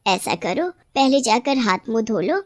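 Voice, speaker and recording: A woman's voice: fairly high pitch, animated, measured pace, no room sound, studio quality. A woman doing a fussing mother-in-law.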